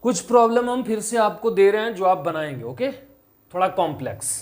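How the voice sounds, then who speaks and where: A man's voice: high voice, animated, a little fast. Male chemistry tutor, drills students with repeated questions. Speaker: chemistry teacher. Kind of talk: explaining on a whiteboard.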